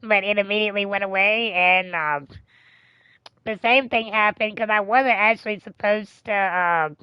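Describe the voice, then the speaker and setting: Candid woman streamer, smooth dull-toned voice. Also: medium pitch, normal speed, no echo. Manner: chatty and candid, swears freely, laughs often. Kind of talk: casual storytelling on a live stream.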